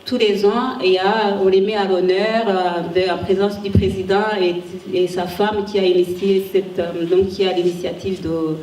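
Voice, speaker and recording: A warm, mellow woman with a level, mid-range voice presents ethics research in an academic conference talk with slides, halting and restarting as she searches for words. She's recorded by a distant mic in an echoey room, with faint hiss.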